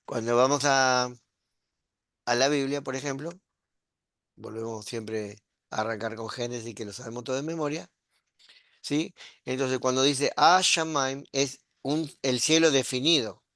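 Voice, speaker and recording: A middle-aged man explains Hebrew grammar at an unhurried, deliberate pace. He keeps checking in with quick questions to his listeners. The sound is dry and close, with no room around it. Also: medium pitch, fairly bright tone, no room sound. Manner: patient, explaining step by step with frequent "¿sí?" and "¿ves?" checks. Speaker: Hebrew teacher. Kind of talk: classroom grammar lesson.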